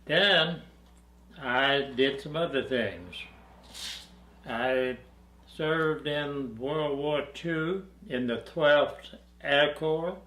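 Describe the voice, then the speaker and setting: A man in his eighties from Arkansas, recalling his life in an interview with a dry, unhurried storytelling manner and easy chuckles. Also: on the high side, pushed and bright, echoey room, rough recording. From Arkansas, USA. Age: 80s. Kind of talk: reminiscing interview. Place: dark studio backdrop, indoors.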